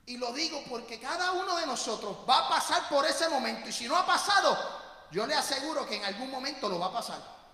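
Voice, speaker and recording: A man delivers a sermon in a strikingly high, bright voice. He preaches emphatically, repeating phrases and rising to shouts. The sound rings through an echoey church hall with a long reverb tail. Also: animated, brisk.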